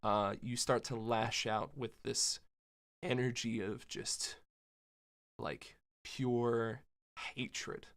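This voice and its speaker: A man narrating as game master of a tabletop game, describing the action with many pauses and fillers. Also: mid-range voice, little pitch movement, a bit bright.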